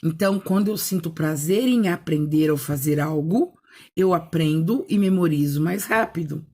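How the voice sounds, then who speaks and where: A woman's voice: low voice, normal speed, dark tone, husky. A woman teacher explaining a lesson in an educational video, asking rhetorical questions and sounding out words syllable by syllable. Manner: asks rhetorical questions and answers them.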